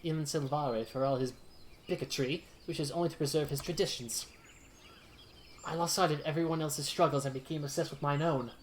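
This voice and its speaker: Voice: mid-range voice, fairly even intonation, brisk, slight background noise, natural voice. A streamer voicing an earnest, troubled archer in a put-on British accent, reading game dialogue aloud.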